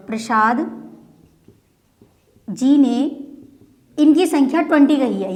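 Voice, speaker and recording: A woman with a high, light voice gives a classroom lesson, repeating each point and asking rhetorical questions before answering them herself. She slows down to dictate key words one by one, as if her students are writing them down. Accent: Uttarakhand Hindi. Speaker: teacher. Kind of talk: classroom lecture.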